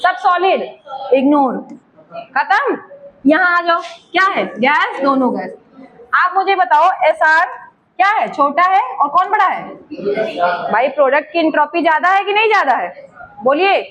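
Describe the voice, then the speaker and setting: Very high-voiced woman teacher coaxing students. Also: animated, unhurried, long pauses, fairly bright tone, slight background noise, rough recording. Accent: eastern Uttar Pradesh Hindi. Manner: coaxing, teasing questions to students. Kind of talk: classroom chemistry lesson. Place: classroom.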